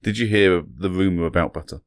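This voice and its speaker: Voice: low-pitched, fairly quick. A podcast co-host telling dad jokes in casual banter, giving setups and punchlines.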